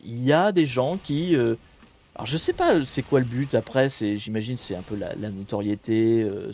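A man's voice: mid-range voice, a little mellow. A man streaming casual commentary to his audience, talking in a conversational, opinionated way as he thinks aloud. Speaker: streamer talking about cybersecurity.

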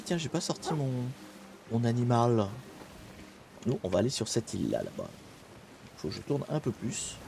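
Relaxed and rambling, this male streamer hosts a casual gaming live stream in a medium-pitched voice, frequently restarting and leaning on fillers.

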